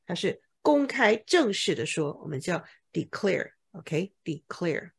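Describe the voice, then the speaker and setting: A woman's voice: on the low side, very animated, slow pace, gravelly, slightly rough. A woman tutoring English vocabulary, patiently explaining word meanings and checking for understanding with frequent OK. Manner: patient, repeats key words with OK checks.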